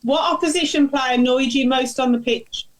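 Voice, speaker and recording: A woman with a Birmingham accent casually asking quick-fire questions on a chat show. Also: high voice, fairly even intonation. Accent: Birmingham (Brummie).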